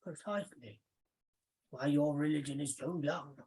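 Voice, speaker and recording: A man running a tabletop game, switching back and forth between two character voices in one exchange and talking in halting restarts. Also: fairly high pitch, darkish tone. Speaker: game master voicing a priest. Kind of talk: tabletop roleplay.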